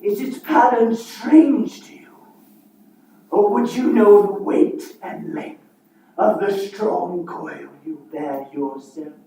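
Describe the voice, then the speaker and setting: A stern chained male spirit declaims slowly and ominously in a stage show, acted by a woman playing both parts. The delivery wails and rings out. It is heard from far off in a very echoey space. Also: medium pitch, vocal fry. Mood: anguished, stern. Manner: slow, ominous declaiming with loud drawn-out cries. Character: wailing, stern male ghost in heavy chains. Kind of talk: theatrical one-person stage storytelling, playing both parts. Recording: echoey hall from far off, faint noise.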